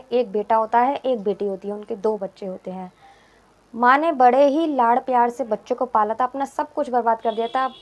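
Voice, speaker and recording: High-voiced woman telling a story. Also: a little mellow. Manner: conversational, repeats and restarts phrases. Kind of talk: casual spoken storytelling.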